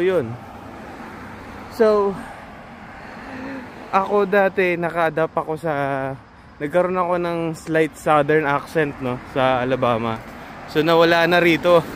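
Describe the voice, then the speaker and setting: A man from the Philippines, a registered nurse and vlogger, chatting casually to his viewers and often pausing to search for words. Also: on the high side, slight background noise. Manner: rambling, searches for words aloud.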